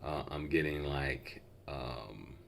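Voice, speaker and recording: Really deep voiced guy doing a psychic reading off the cuff, mentalist style, tentatively picking out impressions bit by bit. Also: slow, creaky, fairly bright tone, a little hiss or hum. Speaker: psychic reader giving channeled messages. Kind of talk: unscripted intuitive reading to the listener.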